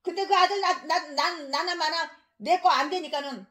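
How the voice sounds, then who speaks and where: A woman pastor giving an expository sermon in a fiery, scolding manner, swinging between shouting and low muttering. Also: normal speed.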